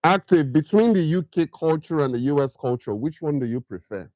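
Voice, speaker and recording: Here a middle-aged man from Nigeria, Nigerian-accented, hosts an easygoing livestream, shooting questions at viewers nonstop and switching into pidgin. His voice sits on the high side, animated and a little fast, with a darkish tone and no echo.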